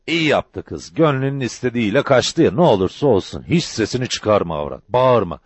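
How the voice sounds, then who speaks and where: A man's voice: medium pitch, sing-song, fairly quick, husky, no room sound. A man voicing a stern village father who gives blunt orders. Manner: blunt, commanding. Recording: dull lo-fi dry recording.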